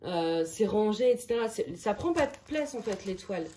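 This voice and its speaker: A woman's voice: medium pitch, animated, normal speed, warm tone. Woman, casual vlog chat, self-deprecating, thinking aloud, noisy home recording. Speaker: crafting vlogger.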